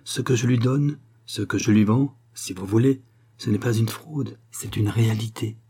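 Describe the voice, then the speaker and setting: A pale spirit medium defends himself calmly and quietly, read by a male audiobook narrator. The tone stays low, husky and mellow. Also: normal speed. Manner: calm and low.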